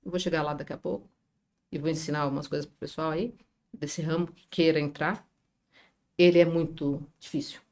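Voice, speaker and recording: Middle-aged Brazilian woman, São Paulo accent, expressive podcast guest who acts out quotes and jokes. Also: low voice, fairly quick. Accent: Brazilian Portuguese, São Paulo area. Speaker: real estate business owner, podcast guest. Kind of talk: emotional storytelling in a podcast interview.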